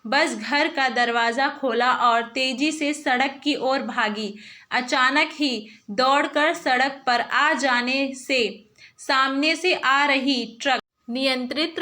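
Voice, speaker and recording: Slow bright-voiced woman storyteller. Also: high voice. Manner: measured, gentle storybook reading. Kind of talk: scripted story narration.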